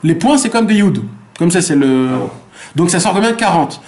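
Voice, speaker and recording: High-voiced rabbi teaching a Torah lesson. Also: male voice, expressive, moderate pace, darkish tone. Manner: asks rhetorical questions and answers them himself; repeats phrases for emphasis.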